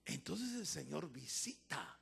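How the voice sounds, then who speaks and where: A high, gravelly male pastor with a Central American Spanish accent preaches with wild swings of pitch. His husky voice jumps from quiet asides to shouted cries. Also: sing-song, measured pace. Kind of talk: sermon.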